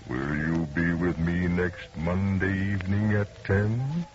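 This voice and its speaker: Deep, very slow sinister Devil. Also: male voice, fairly even intonation, darkish tone. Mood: commanding, menacing. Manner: slow, theatrical, deliberate. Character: the Devil, sinister sly storytelling horror host. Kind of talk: old-time radio horror narration. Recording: noisy, dull vintage radio recording.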